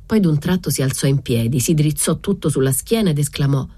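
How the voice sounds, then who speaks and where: A woman narrating a literary novel aloud in a measured, reflective way. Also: deep voice, lively intonation, warm tone, breathy edge, dry recording. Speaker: audiobook reader.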